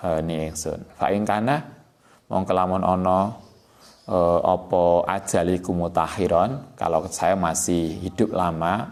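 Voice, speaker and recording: Low-voiced Javanese man teaching kitab. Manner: reads Arabic text then glosses it in Javanese and Indonesian; relaxed, conversational, with frequent "eh" and "hmm". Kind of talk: kitab study lesson, reading Arabic and translating.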